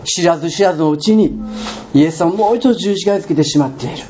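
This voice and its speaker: A man with a Kansai accent preaching a sermon as a pastor, telling a story with animated sound words and questions to the congregation. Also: on the high side, fast. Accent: Kansai Japanese. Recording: dull lo-fi recording with faint room noise.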